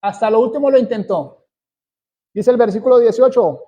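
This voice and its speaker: A man from Colombia preaching a sermon, slow and deliberate, repeating key phrases for emphasis. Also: very high voice, warm tone.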